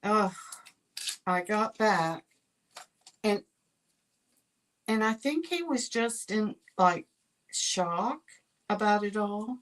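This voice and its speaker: A woman's voice: mid-range voice, lively intonation, very slow, long pauses, fairly bright tone, poor audio. A woman hosting a card-making livestream, chatting casually with viewers while she works. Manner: chatty, addresses viewers as y'all. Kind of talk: casual crafting demo with storytelling.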